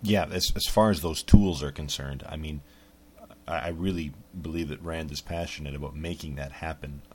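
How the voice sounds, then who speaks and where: A man's voice: a bass voice, fairly even intonation, normal speed, darkish tone, slight background noise. A man hosting a podcast, talking casually in a rambling monologue full of restarts. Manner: rambling, lots of restarts and fillers. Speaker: podcast host.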